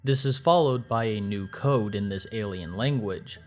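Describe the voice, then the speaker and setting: A man with a lowish voice speaks at a moderate pace as host of a video analysis channel. He reads scripted explanatory narration directed at his viewers.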